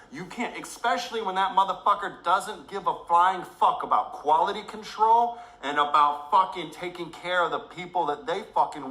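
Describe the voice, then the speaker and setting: A man's voice: on the high side, sharp tone, roomy sound, low-quality recording. A man ranting angrily on a livestream, swearing heavily, angry and emotional. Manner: heavy swearing, furious and emotional. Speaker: livestream host.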